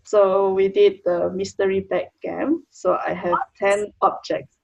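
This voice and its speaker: A young Malaysian woman whose first language is Mandarin talks plainly about her work with children as a guest in a casual interview; she's an early childhood educator. Her voice is mid-range and gravelly with little pitch movement, and she speaks unhurriedly with a Malaysian accent. Her chatty answers include short restarts, and the sound is lo-fi.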